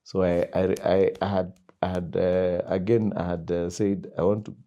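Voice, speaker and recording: A Kenyan man with a somewhat low voice recounts his career and courtship as an interview guest. He tells it like a storyteller, acting out quoted lines and breaking into big laughs. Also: moderate pace, highs cut off. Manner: animated storyteller who acts out quoted dialogue and laughs loudly. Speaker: guest, company founder.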